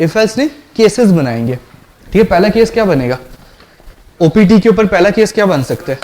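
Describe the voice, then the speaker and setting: A man's voice: high-pitched, a little mellow. A male lecturer teaching a programming class, explaining step by step and often asking the class questions to check they follow.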